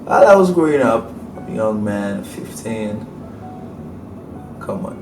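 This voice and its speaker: A man's voice: lowish voice, very animated, unhurried. A man playing an unhinged mocking captor. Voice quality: taunting, erratic, laughing, bursts into shouts. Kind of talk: low-budget drama acting. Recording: echoey room from far off with music.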